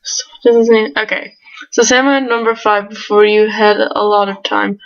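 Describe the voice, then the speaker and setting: A woman's voice: mid-range voice, flat delivery, moderate pace, highs cut off. A woman playing a game and reading its text aloud, adding casual comments and often breaking into giggles. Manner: giggly, breaks into laughs between read lines. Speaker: let's play gamer.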